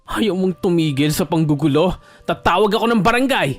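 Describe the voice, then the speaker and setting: Guy doing a touchy secretive homeowner, pretty high voice, soft music behind, horror audio story. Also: expressive, brisk, no echo. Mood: irritated. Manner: defensive, irritated, evasive. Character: defensive young man guarding his house.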